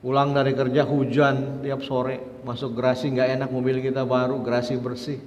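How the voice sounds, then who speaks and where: A man's voice: mid-range voice, moderate pace, highs cut off. A man giving a short dawn sermon in a mosque, telling stories vividly and acting out the dialogue. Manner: lively storytelling, acts out dialogue. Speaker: preacher. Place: mosque hall. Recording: echoey mosque hall, faint ambience.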